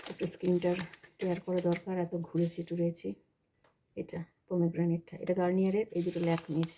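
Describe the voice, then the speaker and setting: A woman's voice: on the low side, flat delivery, brisk, dark tone, slight background noise. A woman chatting casually in a home vlog, explaining things as she shows them around her house. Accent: Bengali. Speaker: vlogger.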